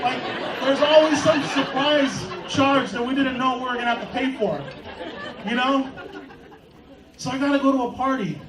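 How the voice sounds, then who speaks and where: Stand-up comic, man, very high voice, rambly with lots of "like", echoey club, laughing crowd. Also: normal speed, long pauses, noisy background. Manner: rambling storytelling full of "like", punchlines shouted. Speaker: stand-up comedian. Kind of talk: stand-up set. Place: comedy club stage. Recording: echoey club, far mic, audience laughter.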